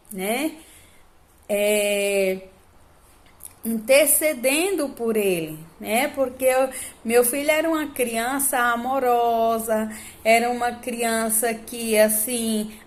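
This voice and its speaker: A Brazilian woman with a high-pitched voice shares a personal faith testimony. She speaks slowly and with feeling, often calling her listeners brothers and sisters, and her prayers rise in fervor. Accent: Brazilian Portuguese. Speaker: channel host sharing testimony.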